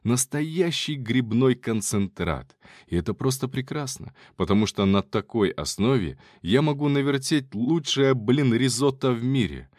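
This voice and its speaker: A man's voice: mid-range voice, animated, a little slow, a little mellow, dry recording, clean studio sound. A man giving casual first-person audiobook narration in a wry, colloquial manner.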